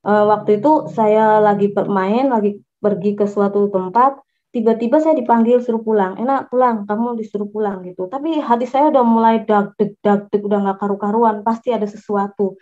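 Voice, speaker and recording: Halting woman telling her testimony, lo-fi. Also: medium pitch, steady tone, dark tone. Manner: halting, with many restarts and fillers. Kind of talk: personal testimony storytelling. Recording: dull lo-fi recording.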